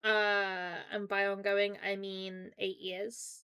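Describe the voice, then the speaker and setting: A woman's voice: medium pitch, level tone, takes it slowly, bright, forceful tone, clean tone. A British woman chatting casually as a live streamer, talking through a painfully swollen mouth from dental trouble, in an informal, apologetic way. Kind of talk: casual livestream chat.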